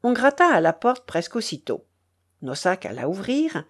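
A woman reading a classic story aloud as an audiobook, with measured, expressive storytelling. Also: medium pitch. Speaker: reader. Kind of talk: audiobook narration.

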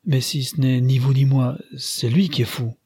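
A stout, easily flustered father who blurts out exclamations and stammers, as a man reads him. The voice is husky and mellow, heard up close in a dry room. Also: mid-range voice, steady tone, moderate pace, no room sound, pitched above the performer's own voice. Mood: bewildered. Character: corpulent, flustered middle-aged father.

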